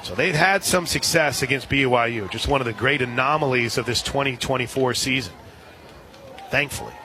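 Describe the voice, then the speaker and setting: A man calls a softball game live on the radio as the announcer, his mid-range voice moving a little fast. He's working from a broadcast position at an outdoor ballpark, and the recording is noisy, with crowd sounds and ballpark ambience all around.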